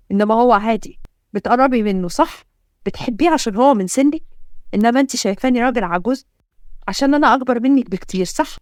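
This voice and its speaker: A woman's voice: mid-range voice, no echo, studio quality, close to an everyday voice. A woman voicing a jealous, possessive older husband with an Egyptian accent and a stern, commanding manner. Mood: accusing. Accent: Egyptian Arabic.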